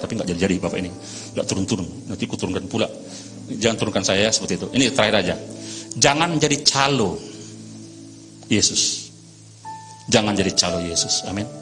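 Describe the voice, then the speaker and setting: Male pastor, lively sermon, long church-hall reverb, music underneath. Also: fairly low pitch. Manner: lively, storytelling with acted voices.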